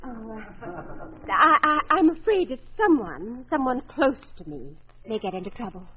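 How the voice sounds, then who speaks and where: An actress playing a flustered, genteel society wife in 1940s radio drama, halting and melodramatic. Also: female voice, a little high, very animated. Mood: anxious, embarrassed. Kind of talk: 1940s radio comedy-mystery acting. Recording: tinny, noisy old radio recording.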